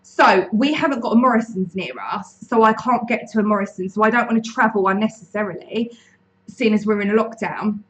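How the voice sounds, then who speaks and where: A woman's voice: medium pitch, brisk, poor audio. A woman from the UK hosting a casual live-stream chat from home, bubbly and chatty, greeting viewers by name. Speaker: lifestyle channel host. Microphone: desk mic.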